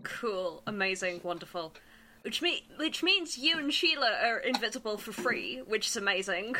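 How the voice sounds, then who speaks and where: A woman's voice: mid-range voice, expressive, moderate pace, background noise. A woman bantering casually as a player in a tabletop role-playing game.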